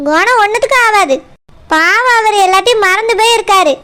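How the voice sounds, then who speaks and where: Woman doing a very high squeaky cartoon girl, kanyakumari tamil accent, sulky and brooding. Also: fairly quick, sharp tone. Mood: resentful. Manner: sulky, brooding inner monologue. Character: young woman, tearful and resentful. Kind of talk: cartoon voice acting.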